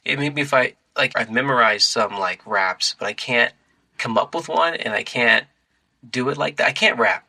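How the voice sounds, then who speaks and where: A man's voice: medium pitch, normal speed, vocal fry, bright, forceful tone, low-quality recording. A man hosting a casual podcast chat, laid-back and chuckling as he asks questions. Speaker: podcast host.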